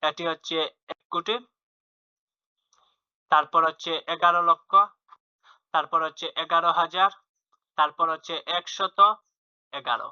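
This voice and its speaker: A man's voice: a little high, steady tone, unhurried, long pauses, bright, forceful tone, clear, resonant tone, no room sound. A man teaching young children a maths lesson, explaining patiently and repeating himself, with fillers and restarts. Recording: dull lo-fi home recording.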